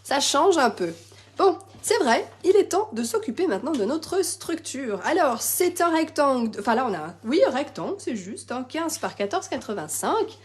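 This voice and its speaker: Woman, high bright voice, chatty crafting live host, bubbly, talks to viewers while working. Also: very animated, moderate pace. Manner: chatty and bubbly, reads and answers viewer comments, laughs often. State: slightly losing her voice, coughing.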